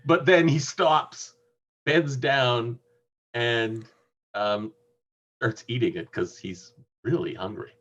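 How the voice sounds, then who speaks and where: A man's voice: medium pitch, takes it slowly, pauses often, fairly bright tone. A middle-aged man casually narrating as game master of a tabletop game over a video call. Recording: slightly dull video-call audio.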